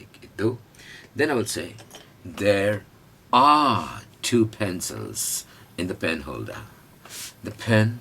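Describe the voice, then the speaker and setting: A man's voice: on the low side, fairly bright tone, a little hiss or hum. Chatty Indian-accented male English teacher. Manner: chatty and playful, breaks into song, switches between Hindi and English. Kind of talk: casual spoken English lesson in Hindi.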